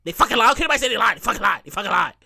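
On a laid-back solo podcast, a man in his thirties speaks very fast in a high, gravelly, husky voice. He rambles and swears, repeats himself, and animatedly plays out the quotes.

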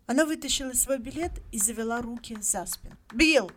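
A woman's voice: on the high side, fast talker, slight background noise. Woman narrating a short story. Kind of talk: audiobook story reading.

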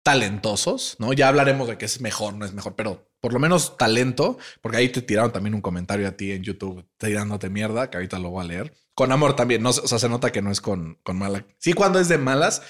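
A man with a Mexican accent, co-hosting a casual sports podcast, slangy and animated with many fillers. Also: on the low side, quick pace, hardly any pauses. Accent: Mexican Spanish. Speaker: podcast co-host.

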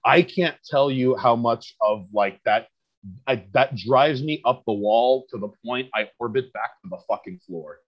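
Queens man in his thirties, mid-pitched, rambling profane podcast guest, slightly muffled lo-fi audio. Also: unhurried. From Queens, New York. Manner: rambling, profane storytelling with stammered restarts. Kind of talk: casual podcast chat.

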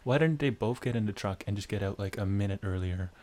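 A young man co-hosting a podcast, chatting casually about a film with relaxed, agreeable remarks. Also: lowish voice, fast. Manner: laid-back, agreeable interjections. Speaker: podcast co-host.

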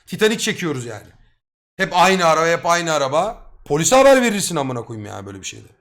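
A young man streaming and telling a story to his live chat in a casual, slangy and excitable way, swearing freely as he goes. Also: a little high, fast.

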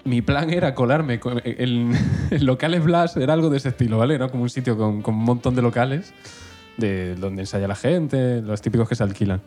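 A man's voice: medium pitch, dark tone, soft background music. A man, co-hosting a casual chat podcast, joking and chipping in. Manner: joking, quick interjections. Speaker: podcast co-host.

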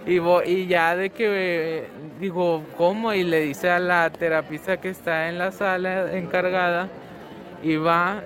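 A man's voice: sits high, a little slow. A teenage boy chatting as a student being interviewed outdoors, telling stories with lots of fillers. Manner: chatty, many fillers, animated storytelling. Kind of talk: casual chat.

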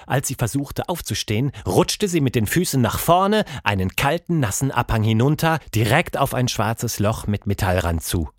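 Lively male storyteller, dry close sound. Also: mid-range voice, moderate pace, few pauses, dry recording. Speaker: narrator. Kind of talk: scripted children's story narration.

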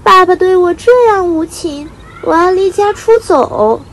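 A woman voicing a young, sulky, tearful bird chick in a storybook reading, calling out high and excited. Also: normal speed, creaky, slight background noise. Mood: childlike.

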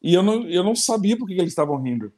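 A man with a Brazilian Portuguese accent hosting a casual interview, lively and laughing, talking straight to viewers. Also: high voice, rapid-fire. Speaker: interview host.

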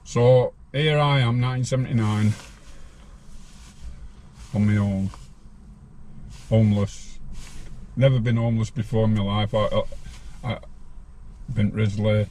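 A man's voice: fairly low pitch, steady tone, unhurried, pauses often, dark tone, slight background noise. A man, telling his life story bluntly as an interview guest. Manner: rambling, blunt, laughs while telling.

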